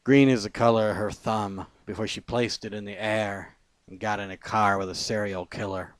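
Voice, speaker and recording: Reading spoken-word poetry, a man with a fairly low voice phrases each short line deliberately and pauses between them, keeping his intonation fairly even. He's a poet, and the dry recording carries no room sound.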